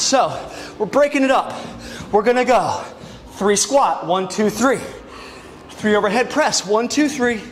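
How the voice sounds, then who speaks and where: Male aerobics instructor, high voice, unhurried pace, motivating counts and commands, loud-enough workout music underneath. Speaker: fitness instructor. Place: indoor gym. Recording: music behind the voice.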